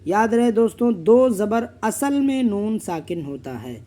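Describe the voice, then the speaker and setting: High-voiced man drilling letter sounds. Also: expressive, mellow. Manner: drills each letter slowly, then explains rules quickly. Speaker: Quran reading teacher. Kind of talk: slow letter-by-letter recitation lesson.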